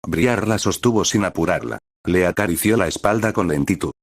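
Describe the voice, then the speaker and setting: A man with a very deep voice narrates a romance story in an even, measured way. The recording is dry and close, with no room sound. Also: no room sound.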